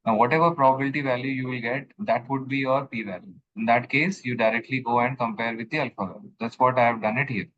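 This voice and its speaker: A man's voice: mid-range voice, fairly even intonation, fast talker, hardly any pauses, lo-fi sound, a little hiss or hum. A male instructor explaining statistics step by step in a screen-share lesson recording, often checking that his student follows.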